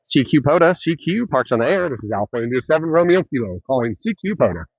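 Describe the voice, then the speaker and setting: A man's voice: fairly high pitch, sing-song, fast, dry recording, highs cut off. A man making a ham radio call from a park, repeating CQ and spelling his call sign in the phonetic alphabet.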